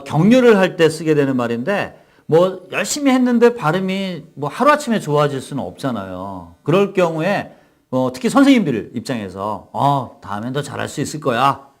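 A man teaching English phrases to Korean learners, explaining in Korean and modeling each phrase slowly and clearly for repetition. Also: on the high side. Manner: slow, carefully enunciated English model phrases between brisk explanations. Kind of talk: language lesson with repeat-after-me drills.

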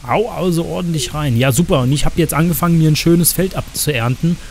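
A man's voice: a little high, a little fast, over music. Chatty man streaming a farming game. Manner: chatty, joking, crude asides, talks to chat. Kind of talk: casual gameplay commentary.

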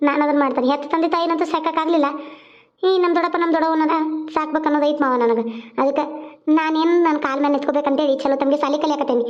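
A woman's voice: high-pitched, fairly even intonation, rapid-fire, dull audio, natural voice. A woman voicing a dutiful, caring young village girl in a cartoon serial, speaking earnestly. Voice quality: earnest, talks things through at length.

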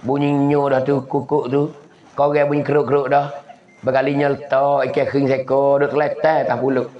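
A man's voice: mid-range voice, little pitch movement, normal speed, a little mellow. A man from southern Thailand with a Patani Malay accent, giving a folksy religious lecture and mimicking animal noises as he tells stories. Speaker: Islamic preacher. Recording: echoey lo-fi recording.

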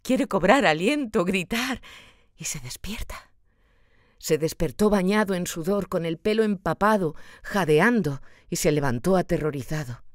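A woman narrating a literary audiobook in a slow, measured, dramatic and expressive way. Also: on the low side, dry recording, clean studio sound.

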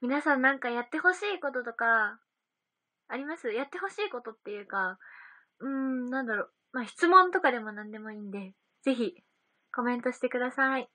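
A woman's voice: on the high side, lively intonation, brisk, bright, forceful tone, dry recording. A young woman chatting casually on a livestream, reading out viewer comments and giggling often. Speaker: idol livestream host.

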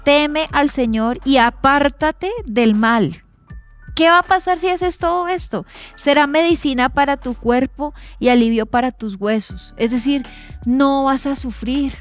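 A Colombian woman in her thirties preaches in earnest, her voice sitting a little high. She acts out quotes as she goes. Soft music plays faintly behind her. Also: measured pace. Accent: Colombian Spanish. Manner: earnest, with lively acted-out quotes. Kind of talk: sermon. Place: church stage.

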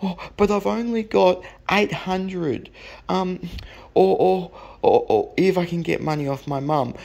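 A man's voice: fairly high pitch, unhurried, vocal fry, warm tone, voice pushed up. A man putting on the voice of a young male buyer who begs and stammers. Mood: pleading. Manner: begging, stammering repetitions.

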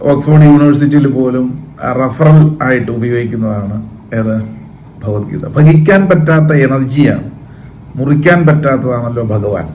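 A man's voice: medium pitch, darkish tone, slight background noise. A middle-aged man, a counsellor, giving a talk on the mind and asking his own questions before he answers them. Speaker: counsellor and trainer. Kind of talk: spoken talk on the mind and the Bhagavad Gita.

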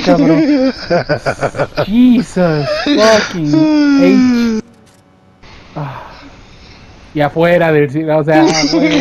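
A man bantering during a game, loud and excitable, cursing often and switching between English and Spanish. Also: high voice, highs cut off, a little hiss or hum. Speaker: gaming streamer. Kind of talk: casual gaming banter.

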